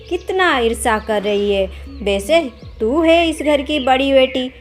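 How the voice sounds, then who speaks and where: A woman voicing a scheming, boastful middle-aged village stepmother in a cartoon story, sharp-tongued and scolding. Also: on the high side, close to an everyday voice. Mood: taunting. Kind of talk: Hindi cartoon story voice acting.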